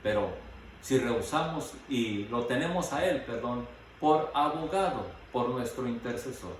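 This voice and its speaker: A man preaching a sermon, reading Bible passages aloud between his own remarks, pausing now and then with short fillers. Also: medium pitch. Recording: very echoey hall, mic at a distance, faint noise.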